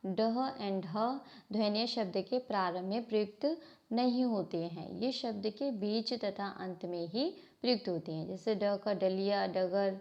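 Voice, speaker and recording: A woman's voice: medium pitch, a little slow. A woman teaching Hindi grammar to a class, asking questions and answering them herself, often stopping to correct herself. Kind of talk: classroom lesson explaining from a book. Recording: slightly dull lo-fi sound.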